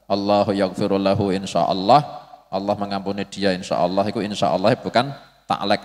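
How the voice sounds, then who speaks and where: A man giving a religious study lecture, explaining slowly and acting out prayers in a raised, pleading voice. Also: low-pitched. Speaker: religious teacher. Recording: long hall reverb.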